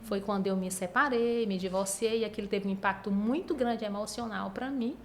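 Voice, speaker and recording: A woman nurse, telling her career story in an interview in a calm, smooth, measured way. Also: mid-range voice, a little hiss or hum. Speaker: stomatherapy nurse guest.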